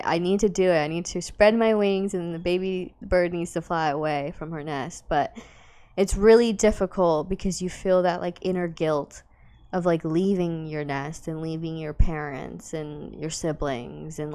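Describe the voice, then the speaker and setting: A woman's voice: lowish voice, a little mellow, clear, resonant tone. A young woman co-hosting a podcast, chatting casually and laughing often as she tells an emotional story. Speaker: podcast co-host. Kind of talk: casual chat.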